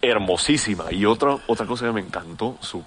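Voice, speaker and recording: A man's voice: on the low side, fairly quick. Young man telling a story. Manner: animated, slangy, with many restarts. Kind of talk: casual storytelling.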